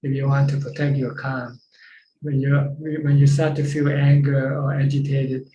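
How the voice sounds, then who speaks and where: A monk speaks in a flat, level tone with a dark, mellow voice. He explains simply and repeats phrases as he answers. The call audio is roomy and dull. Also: medium pitch, moderate pace, slight background noise. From Thailand. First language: Thai. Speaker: Buddhist monk teacher. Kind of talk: dharma Q&A talk. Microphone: video call.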